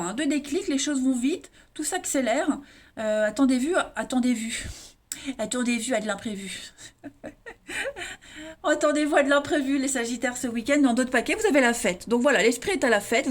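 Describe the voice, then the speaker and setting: Woman, high voice, chatty tarot reader, lots of fillers and restarts. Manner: chatty, many fillers and restarts, addresses viewers as friends. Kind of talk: casual tarot reading for viewers.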